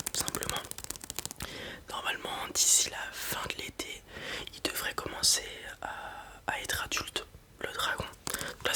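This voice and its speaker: In a whispered ASMR roleplay, someone plays a breeder advising a customer, walking through things informally step by step with hesitations and small check-ins.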